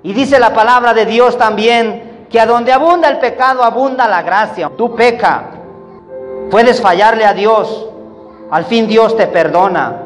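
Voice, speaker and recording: A man preaching a sermon, emphatic and deliberate, calling his listeners brothers. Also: sits high. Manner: slow, emphatic preaching, addressing the congregation as brothers. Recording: reverberant hall with faint music.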